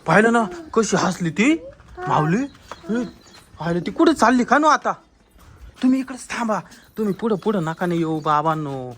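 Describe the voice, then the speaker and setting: A man's voice: high voice, sing-song, moderate pace, fairly bright tone. A man playing an uncle in a comedy skit, talking in frantic, repetitive calls.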